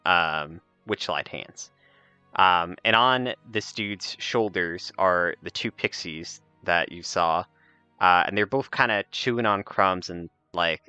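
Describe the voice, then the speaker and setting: A man's voice: deep voice, a little slow, pushed and bright, clear, resonant tone, dry recording, soft background music. A man working as game master, improvising tabletop game narration in an informal, hesitant way.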